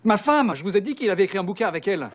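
An actor playing an impatient, scheming, sarcastic man in film dialogue, brisk and condescending. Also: sits high, lively intonation.

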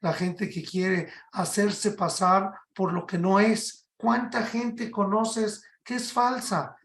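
Animated high-voiced male rabbi preaching. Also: gravelly, roomy sound. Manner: animated, rising to shouts for emphasis, many rhetorical questions. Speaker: rabbi giving a Torah talk. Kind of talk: sermon.

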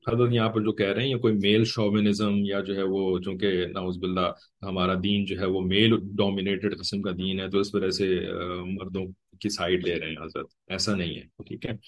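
Man giving a religious lecture, low voice. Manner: explanatory, repeats "ठीक है" often; acts out short quoted lines in changed tones. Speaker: religious teacher.

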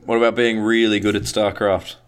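A young man with an Australian accent bantering casually as a podcast co-host, teasing in a playful deadpan. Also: fairly low pitch, a little fast, clear, resonant tone.

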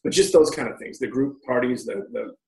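Man, 40s, stand-up comic, casual profane storyteller, roomy echo, mid pitch. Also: a little fast, gravelly, darkish tone. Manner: loose, profane storytelling with quoted dialogue. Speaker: stand-up comedian guest. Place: room at home. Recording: echoey room.

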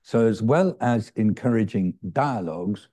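A man with a very dark, relaxed voice, pitched a bit low, answers questions at a public talk. He reasons aloud in a measured, earnest way. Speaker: guest speaker answering questions.

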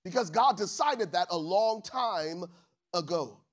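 On a church stage before a live congregation, a Liberian pastor delivers an animated sermon at a measured pace. He calls for responses from the crowd and swings between soft, low asides and shouted peaks.

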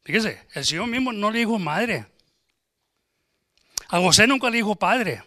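A man preaches, his voice pitched high and bright. He speaks emphatically, firing off rhetorical questions and acting out little conversations. The sound is dry and close, with little room around it. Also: lively intonation, unhurried, no room sound. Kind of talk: sermon.

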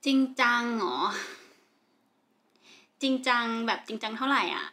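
A woman recalling her childhood in a relaxed casual chat, hesitant with many fillers. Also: on the high side, unhurried.

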